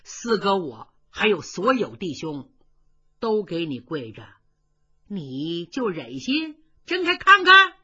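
A woman's voice: big pitch swings, slow, slightly rough, lo-fi sound, exaggerated voice. Cheng Yaojin, a woman doing a boisterous joking general. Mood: coaxing. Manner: loud, high and teasing. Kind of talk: traditional storytelling.

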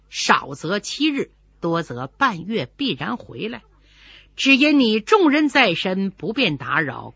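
A dignified noblewoman speaks with measured, reproachful formality, as a woman storyteller puts her on. The voice sits fairly high and swings widely, with a slightly husky, bright edge. The recording is dull and lo-fi. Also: no room sound, full character voice. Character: stern dignified noblewoman, a general's wife.

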